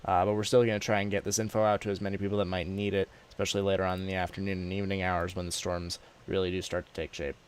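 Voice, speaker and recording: A man with a sore throat giving casual, unscripted live weather commentary as a livestream host, halting and informal. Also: deep voice, little pitch movement, slight background noise. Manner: informal, halting, addressing viewers as y'all.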